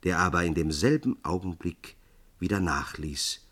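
A man reading a classic fairy tale aloud in measured scripted narration. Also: deep voice, lively intonation, a bit bright. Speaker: audiobook narrator.

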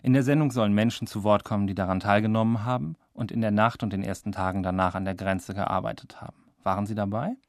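A man's voice: fairly low pitch, fairly even intonation, fast talker, few pauses, no room sound, studio quality. A male radio journalist asking polite, probing questions on a phone call. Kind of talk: phone interview.

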